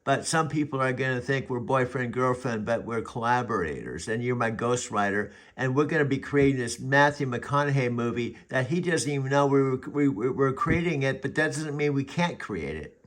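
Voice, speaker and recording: A man's voice: mid-range voice, a bit bright. A man in his seventies chatting casually as host, rambling and restarting his sentences often. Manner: rambling, halting with frequent restarts. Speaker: vlog host. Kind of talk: casual chat.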